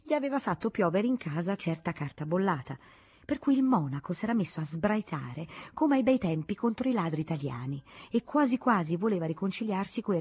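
A woman narrating a classic novel as an audiobook in a measured, expressive reading. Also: on the low side, husky. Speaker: audiobook reader.

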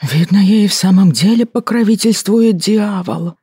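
A reader voicing a sorrowful male reverend who sighs out his words slowly. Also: medium pitch, expressive, breathy edge, dry recording, studio quality, full character voice. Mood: mournful.

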